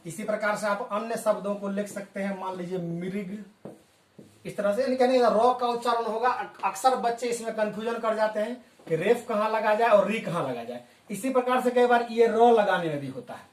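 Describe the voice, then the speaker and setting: A man's voice: high-pitched, far from the mic. Patient male teacher in an echoey room. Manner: patient, repeats example words slowly. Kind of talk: spoken language lesson.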